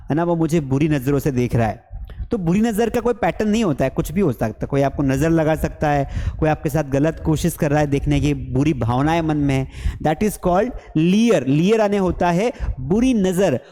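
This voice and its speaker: A man runs an exam-prep vocabulary lesson, asking questions and then answering them himself. His voice is fairly high but dark and mellow. A long reverb trails behind every word, like a hall. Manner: repeats each word with quiz questions to students. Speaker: English teacher.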